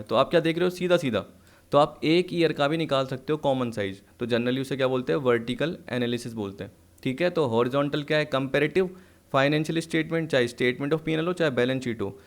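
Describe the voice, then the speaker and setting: A man teaching accounts, working through exam questions by asking and answering his own questions, at times short of breath. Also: medium pitch. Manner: asks and answers his own questions, mixing English terms. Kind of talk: solving exam questions on a lesson video.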